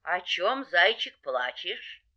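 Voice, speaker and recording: A woman voicing a self-assured grey wolf who speaks slowly and howls. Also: sing-song, sharp tone, dull audio, exaggerated voice. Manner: slow, low, howling.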